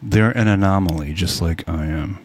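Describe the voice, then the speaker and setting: A man's voice: low-pitched, moderate pace, a little mellow, husky. A man co-hosting a casual entertainment podcast, joking and swearing as he rambles through stories with many fillers. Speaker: podcast co-host. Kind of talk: casual chat.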